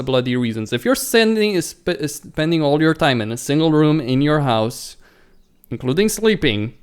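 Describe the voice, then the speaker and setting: A man with a clean-toned, mid-range voice hosts a let's play, reading visual novel dialogue aloud and tossing in casual commentary. He stumbles and corrects himself as he goes, with game music playing in the background.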